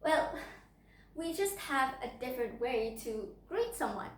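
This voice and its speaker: A high-voiced teenage girl from Indonesia, whose first language is Hokkien, gives a prepared persuasive speech to camera as a student in a speech contest. She is lively and often asks the listener questions, speaking a little slowly. She sits far from the mic, and the room has a roomy echo.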